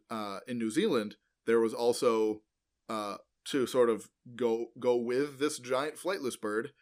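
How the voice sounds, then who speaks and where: Here a medium-pitched podcast co-host chats informally about paleontology for an educational show. He wanders from point to point, says "like" a lot, fills gaps with ums and uhs, and corrects himself along the way.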